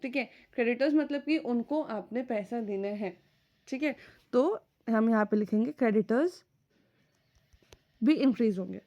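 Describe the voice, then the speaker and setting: A woman's voice: on the high side, animated, normal speed, long pauses, highs cut off. A woman teacher giving a recorded accounting lecture, explaining step by step and often checking whether her students follow. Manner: mixes English terms into Hindi speech.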